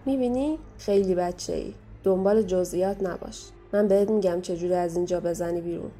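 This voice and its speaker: A woman playing a mocking, menacing young waitress who talks down to people and gives sharp warnings, in an audio drama. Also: lowish voice, faint music behind, natural voice. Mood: scornful. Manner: scornful, taunting, bossy. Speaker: guest voice actor.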